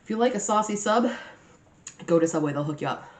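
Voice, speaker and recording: Eating messily on camera, a mukbang host tells slangy, profanity-laced stories to her viewers, acting out what people said. Her mid-range voice is animated and darkish, and she talks briskly.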